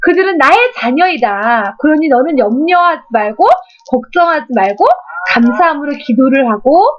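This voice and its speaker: A woman speaking the words of a gentle, comforting God in a slow, soft, solemn voice. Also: sits high, lively intonation. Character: gentle comforting God, calm fatherly divine voice. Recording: dull lo-fi recording.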